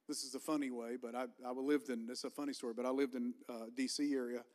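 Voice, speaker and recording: A man's voice: medium pitch, little pitch movement, fast talker, darkish tone. A male pastor from Virginia with a Southern Virginian accent, preaching a sermon in a church and calling for amens from the congregation. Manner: preaching with call-and-response, rising fervor. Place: church sanctuary.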